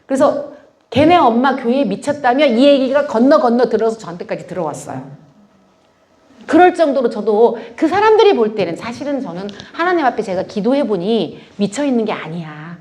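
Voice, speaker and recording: A middle-aged woman giving a lively testimony sermon at church, acting out the people in her story. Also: on the high side. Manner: animated storytelling, acts out dialogue, laughs often. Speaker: lay ministry evangelist.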